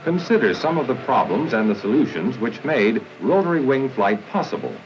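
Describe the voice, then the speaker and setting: Soft music plays behind a mid-range, sing-song male voice with an American accent. He narrates a 1950s military training film in a formal, instructional, measured manner, and the old soundtrack is muffled and noisy.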